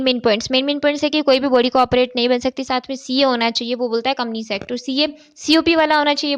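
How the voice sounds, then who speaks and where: A woman chartered accountancy tutor, explaining step by step in a recorded exam-prep lecture. She poses questions and then answers them, and often checks in with "okay". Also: sits high. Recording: dull, lo-fi recording.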